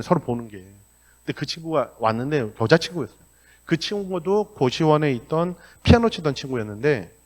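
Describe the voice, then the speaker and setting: A middle-aged male pastor giving a sermon, telling stories in a blunt, colloquial way and acting out the dialogue. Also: a little high. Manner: animated storytelling with acted-out dialogue. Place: church sanctuary.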